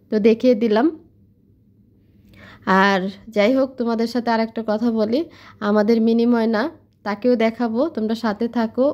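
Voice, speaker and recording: A woman walks viewers through her kitchen in a relaxed home vlog. She talks to her audience directly, in a chatty, familiar way. Her voice sits slightly high. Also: dull audio. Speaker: vlogger. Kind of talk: casual home vlog narration.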